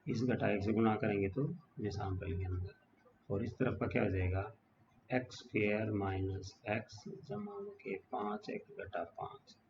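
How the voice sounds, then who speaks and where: A man's voice: fairly low pitch, animated, normal speed, a little mellow. A male math teacher explaining equations step by step in a casual classroom style, often checking in with his students. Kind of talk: whiteboard math lesson. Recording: dull lo-fi sound with faint background noise.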